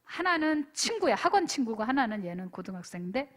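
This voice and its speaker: Preaching fast and on the high side, a woman pastor delivers a youth retreat sermon full of stories. She animatedly acts out people's dialogue and keeps calling for amens.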